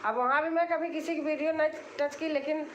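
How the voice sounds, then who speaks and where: A woman's voice: high-pitched, fairly even intonation, a little fast, echoey room, muffled recording, a little hiss or hum. A woman from Allahabad, hosting a casual live stream and answering comments in an insistent, repetitive way, explaining herself. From Allahabad, India.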